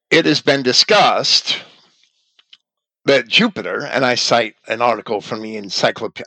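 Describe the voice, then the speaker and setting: Slow, deliberate man lecturing. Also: mid-range voice, fairly bright tone, no room sound, rough recording. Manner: measured, deliberate, self-correcting. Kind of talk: scripted religious lecture.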